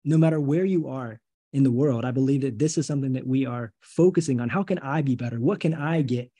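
A man hosting a faith podcast interview, welcoming and quick with short affirmations. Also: mid-range voice, dark tone, husky. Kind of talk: casual interview talk.

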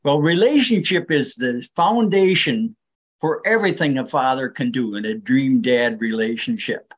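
A man's voice: mid-range voice, moderate pace. An older man speaking as an interview guest, explaining things in an earnest, persuasive way. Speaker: interview guest, reading advocate.

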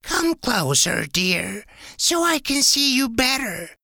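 A woman voicing a frail, secretive elderly mother rat with a raspy, hushed voice. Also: sits high, very animated, takes it slowly, no room sound, voice pushed up, exaggerated voice. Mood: tender. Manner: hushed, urgent whispering.

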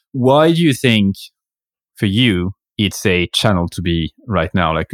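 A man's voice: low-pitched, no echo, clean studio sound. A man hosting a podcast, asking casual, probing questions of his guest. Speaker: podcast host. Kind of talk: interview questions.

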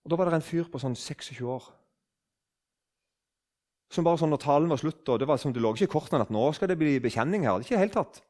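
Animated older man telling a story. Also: on the high side, long pauses. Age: 60s. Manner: animated, restarts sentences, acts out quoted speech. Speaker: speaker on faith. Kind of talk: conversational storytelling.

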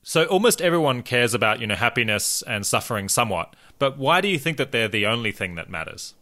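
A man with a bright, forceful voice hosts a podcast and asks thoughtful questions. He restarts his sentences as he works them out, at an ordinary pitch. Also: sing-song, fast. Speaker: podcast host, interviewer.

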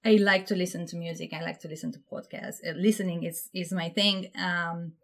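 A Romanian woman who works as a project management officer speaks casually as a podcast guest in a lowish voice with fairly even intonation and a fairly quick pace. She comes across warm and giggly, laughing often and restarting sentences with plenty of fillers.

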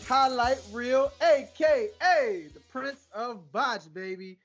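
High-pitched man hyping like a ringmaster. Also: expressive, fairly bright tone, soft background music. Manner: showman-like ringmaster delivery, booming and drawn-out. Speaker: podcast host. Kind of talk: ringmaster-style show announcing, drawn-out hype introduction.

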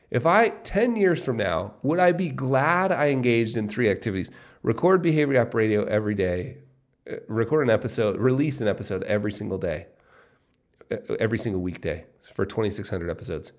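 A man in his fifties hosting his own podcast, musing aloud in an excited, casual solo monologue and often repeating himself. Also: medium pitch. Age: 50s. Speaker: podcast host.

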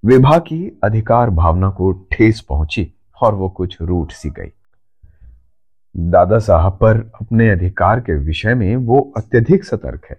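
Male narrator, deep, lively intonation, unhurried. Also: slightly rough, muffled recording. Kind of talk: scripted storybook narration.

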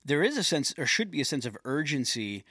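A man's voice: on the high side, sing-song, fairly quick, bright, forceful tone, breathy edge, no echo, clean studio sound. A middle-aged man co-hosting a faith podcast, speaking earnestly and quoting scripture. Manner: earnest, quotes scripture, affirms often. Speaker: podcast co-host. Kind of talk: casual faith podcast talk.

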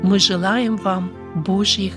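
A woman's voice: medium pitch, steady tone, slow pace. A woman announcer speaking in the manner of a public radio host, addressing listeners. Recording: music under the voice. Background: music.

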